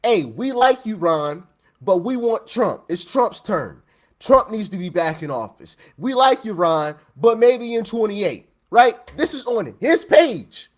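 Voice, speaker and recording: A man's voice: high voice, very animated, a little slow. A man hosting a casual vlog, talking animatedly and laughing between points while he reacts to clips. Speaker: vlog host. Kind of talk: casual commentary.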